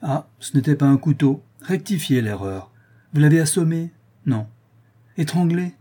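A man's voice: a little high, expressive, moderate pace, warm tone, slightly rough, pitched above the performer's own voice. A man doing a cool, mocking accuser. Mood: coolly mocking. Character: calm, ironic man confronting a murderer.

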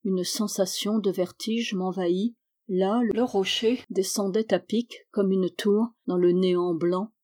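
A woman reading a literary novel aloud as an audiobook, calm and measured, voicing the dialogue softly. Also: medium pitch. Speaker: audiobook reader.

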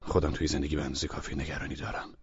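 A man voicing a stern, weary middle-aged father, gruff and commanding. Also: a bass voice, little pitch movement, highs cut off, soft background music, pitched below the performer's own voice, exaggerated voice.

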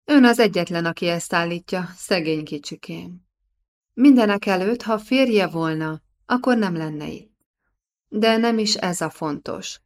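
A woman's voice: lowish voice, lightly acted. Woman playing a haughty, scolding noblewoman. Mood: scornful. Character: bossy middle-aged noblewoman, scornful and pushy.

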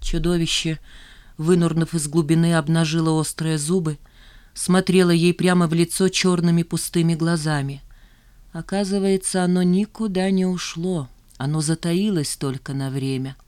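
A woman's voice: lowish voice, fairly even intonation, moderate pace, darkish tone, clean tone, dry recording. Woman reading a novel aloud. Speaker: audiobook reader. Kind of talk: novel narration.

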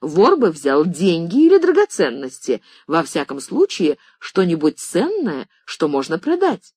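The reader voicing an agitated wealthy lady who scolds her maid, speaking in a higher, shrill and indignant way. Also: big pitch swings, normal speed, a little mellow, slightly rough, dry recording, clean studio sound. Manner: flustered, then shrill and indignant.

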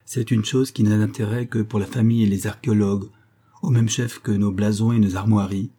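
A man narrates a classic detective tale in the first person with measured, steady pacing. His voice sits low, with a dark, mellow color. A husky grain runs through every line. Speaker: audiobook narrator.

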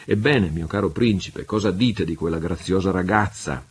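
A courteous older English lord in a classic adventure novel, read by a man. He speaks formally and politely. The voice is deep and a little husky. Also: normal speed.

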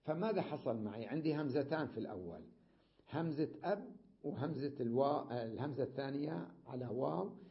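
A man with a gravelly, rough edge to his voice gives a grammar lesson. He works through each example methodically, repeats the forms and poses questions to his listeners. The recording is muffled and lo-fi. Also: mid-range voice, lively intonation, a little fast. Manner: clears his throat often. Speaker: sheikh teaching Arabic grammar. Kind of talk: classroom grammar lesson reading and explaining a text. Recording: dull lo-fi lecture recording.

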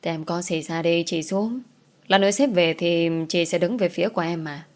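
A woman's voice: lowish voice, brisk, natural voice. A woman voicing a flustered, soothing female secretary who talks hesitantly with fillers.

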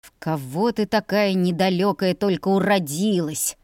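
A woman's voice: lowish voice, moderate pace, darkish tone, no room sound, clean studio sound, lightly acted. A woman voicing a crude, greedy teenage older brother who sneers and threatens. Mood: scornful. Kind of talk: audiobook character voice.

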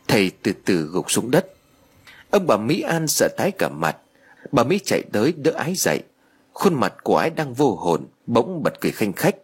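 A man's voice: on the low side, husky. A man narrating a horror story in a dramatic storytelling manner.

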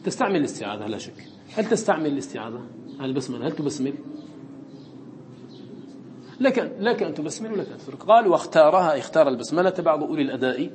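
Fast-talking man teaching a class. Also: a little high, darkish tone. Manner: asks students questions and answers them himself; quotes lines of verse in a raised voice. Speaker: Quran recitation teacher. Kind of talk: classroom lesson explaining a verse text. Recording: faint background noise.

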